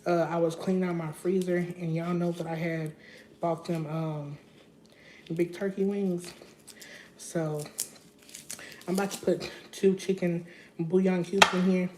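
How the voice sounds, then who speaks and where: A woman's voice: fairly low pitch, fairly even intonation, unhurried, long pauses, darkish tone, a little hiss or hum. A young woman chatting casually to her viewers while she cooks at home on a livestream, talking in a loose, rambling way. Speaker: vlogger cooking on a livestream. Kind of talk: casual live cooking chat. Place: home kitchen.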